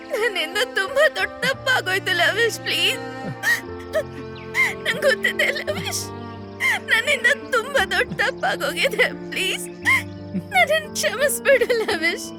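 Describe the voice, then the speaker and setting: An actress dubbing a guilt-stricken young woman who tearfully begs her friends to flee, in a film soundtrack with music and crowd sound. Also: very high-pitched. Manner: tearful pleading. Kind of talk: Kannada film dub.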